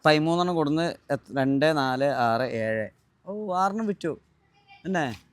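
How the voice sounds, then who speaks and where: A man, hosting a casual vlog outdoors at a roadside stall and gently teasing children with questions. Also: on the high side, a little slow, a little hiss or hum. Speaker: vlogger host.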